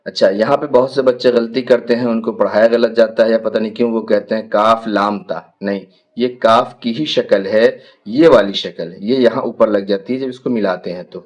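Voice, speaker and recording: A man teaching a Quran reading lesson, stretching out each letter name, then explaining quickly in between. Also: fairly low pitch, fairly even intonation, darkish tone, muffled recording. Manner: drawn-out letter names called slowly, then quick explanations. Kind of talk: teaching a Noorani Qaida lesson.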